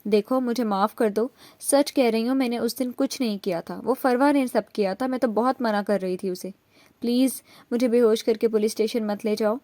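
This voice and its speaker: A woman's voice: a little high, dark tone, no echo, natural voice. A woman voicing a frightened, tearful young woman who pleads to be let go, in a storybook reading. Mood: pleading tearful. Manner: pleading, sobbing.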